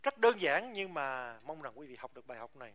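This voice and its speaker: High, bright-voiced male preacher. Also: big pitch swings, a little fast. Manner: emphatic, asks the congregation rhetorical questions. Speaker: pastor. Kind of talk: sermon.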